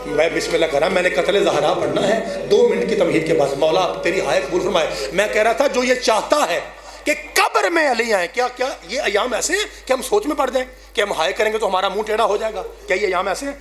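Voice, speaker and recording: A man, a zakir giving an emotional mourning recitation, rising to loud high cries and sinking to hushed near-whispers while urging the audience on. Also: lively intonation. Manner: addresses the audience directly, urging them to weep.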